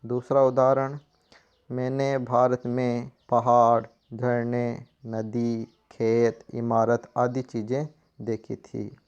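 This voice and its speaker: Guy teaching grammar, slow and steady, kinda flat, clear voice but muffled lo-fi audio. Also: medium pitch. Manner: slow, even explaining with spoken examples. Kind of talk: lesson. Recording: dull lo-fi sound.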